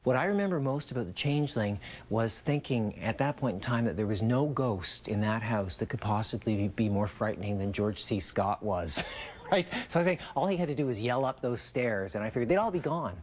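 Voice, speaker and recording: A man's voice: mid-range voice, animated, fairly quick, a little hiss or hum. A man in a documentary interview, recalling film scenes with a wry, anecdotal manner. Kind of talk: interview commentary on films.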